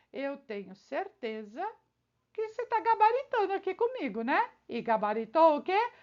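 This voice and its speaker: A woman teacher going through exam questions for her students, talking straight to the viewer with frequent rhetorical questions. Her voice sits very high and swoops a lot. The recording sounds a little dull and lo-fi. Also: fairly bright tone. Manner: talks straight to the viewer, with many rhetorical questions and check-ins. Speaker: teacher preparing students for civil service exams. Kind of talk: exam-prep lesson.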